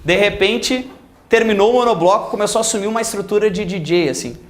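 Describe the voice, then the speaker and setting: High-voiced Gaúcho man teaching grammar. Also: quick pace, reverberant. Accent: Gaúcho Portuguese. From Rio Grande do Sul, Brazil. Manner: animated, mimics voices, asks the class questions. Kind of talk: lively classroom lecture with anecdotes.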